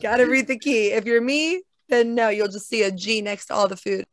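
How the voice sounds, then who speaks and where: A young woman with a fairly high voice chats casually as a co-host, animated and quick to correct herself. The sound is dry and close to the mic. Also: no echo. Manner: chatty, animated, self-correcting. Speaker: podcast co-host. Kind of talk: casual chat.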